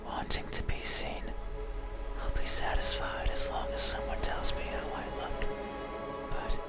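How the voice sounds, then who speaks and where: A performer voicing a lonely, eerie demon that yearns to be seen, in a halting, earnest whispered role-play. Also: close to an everyday voice. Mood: yearning, eerie. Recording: whisper over loud music.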